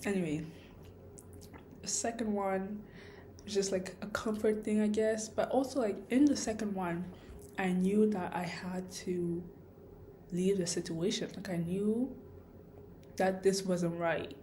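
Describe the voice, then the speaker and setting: A woman's voice: medium pitch, fairly even intonation, measured pace, warm tone, a little hiss or hum. A woman vlogging a personal story in a casual, rambling, reflective way, with a lisp from wearing retainer-like aligners. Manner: rambling, reflective, self-questioning.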